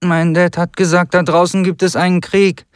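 Ein Mann spielt einen verängstigten weinenden Jungen. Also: male voice, level tone, normal speed, clear, resonant tone, no room sound, studio quality, close to an everyday voice. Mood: confused, scared. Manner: pleading, sobbing, high and strained. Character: terrified crying young boy. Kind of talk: audiobook character voice.

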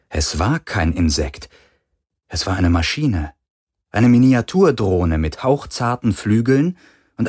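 A man narrating a science fiction audiobook in a steady, dramatic way. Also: on the low side, slightly rough. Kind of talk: scripted narration.

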